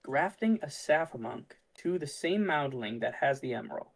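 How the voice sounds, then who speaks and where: A man's voice: fairly high pitch, animated, moderate pace. A man casually commentating on a card game tournament, musing aloud about the plays as they happen. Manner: thinks aloud, musing and easygoing.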